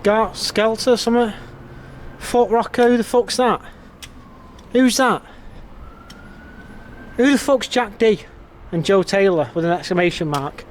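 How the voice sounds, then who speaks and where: In this casual walking vlog, an English man speaks in a high voice, a little slowly and with long pauses, as he wanders the town's streets at night and then a pub. His running commentary is blunt, sweary, and wry, and the recording has a little hiss or hum.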